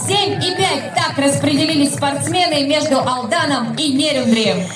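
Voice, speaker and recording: A woman's voice: high voice, moderate pace, crowd noise. A woman working as a stadium announcer, formally declaiming scripted ceremonial welcomes for sports teams over a public-address system. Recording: echoing PA sound with music. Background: music.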